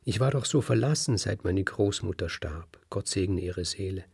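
A man's voice: low voice, lively intonation, moderate pace, vocal fry, darkish tone, husky, no echo, studio quality, exaggerated voice. A man voicing a lonely, simple-hearted young man in a fairy tale, speaking eagerly and from the heart. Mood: grateful.

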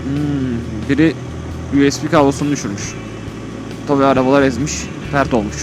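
A motovlogger with a mid-range voice talks fairly quickly from inside his helmet while riding on an open road, rambling and thinking aloud in casual vlog style. The background is noisy, with music and road vehicle sounds.

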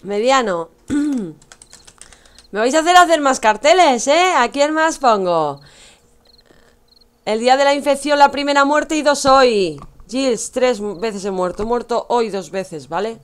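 Chatty and teasing, a young woman from Spain with a Spanish accent talks to her chat and laughs often while providing casual commentary on the game she's streaming. Her voice sits high, clean-toned and expressive, at an unhurried pace.

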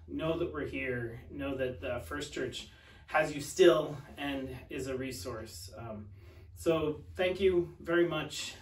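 Man giving a church update, roomy room. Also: on the high side. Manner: earnest, reassuring, with many fillers. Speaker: minister. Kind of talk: church video announcement. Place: church office with bookshelves, indoors. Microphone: far camera. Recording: roomy sound from a distance.

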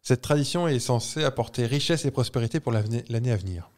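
A man with an average-pitched voice reads out trivia to a friend and asks whether it is true. He talks in a playful, teasing way and chuckles easily in this casual chat. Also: lively intonation, quick pace, darkish tone. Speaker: podcast co-host.

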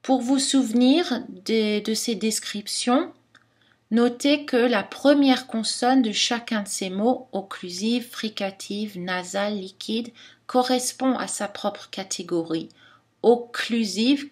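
A woman's voice: mid-range voice, slow pace. A woman narrating a phonetics lesson, explaining each consonant and carefully demonstrating the sounds. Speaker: phonetics teacher.

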